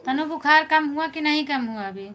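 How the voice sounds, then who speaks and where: A woman's voice: high voice, lively intonation, normal speed, fairly bright tone. Chatty Awadhi woman reading live comments. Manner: chatty, thanks viewers by name, answers comments one by one. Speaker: folk singer hosting a live stream. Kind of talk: casual live-stream chat reading viewer comments.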